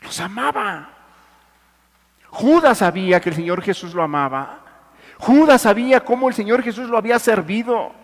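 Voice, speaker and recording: Male preacher, high voice, hushed-to-forceful sermon delivery, long church reverb. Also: animated, brisk. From Mexico. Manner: swings between hushed and forceful preaching, addresses listeners directly. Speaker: pastor.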